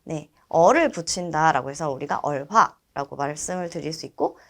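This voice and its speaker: A woman Chinese language instructor giving a patient vocabulary lesson, modeling words slowly and asking the listener to repeat. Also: a bit bright. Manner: patient, explanatory, frequent affirming fillers; drawn-out, high-pitched model pronunciations.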